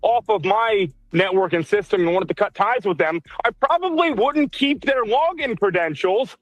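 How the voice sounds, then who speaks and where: A man's voice: sits high, lively intonation, normal speed, dry recording, soft background music, low-quality recording. A man in a played clip, giving wry, sarcastic commentary.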